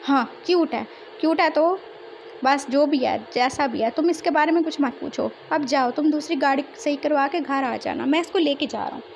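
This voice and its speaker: Impatient, scolding cop as a woman puts him on, high-pitched, faint noise behind. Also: normal speed, vocal fry, dull audio. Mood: dismissive. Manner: scolding, exasperated. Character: stern impatient male police officer. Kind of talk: fan fiction storytelling.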